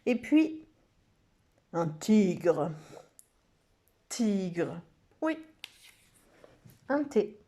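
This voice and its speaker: Slow sing-song woman teaching small children. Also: mid-range voice, very animated, dark tone. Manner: slow, sing-song, stretches out words and letter sounds. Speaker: preschool teacher. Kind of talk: slow lesson for young children.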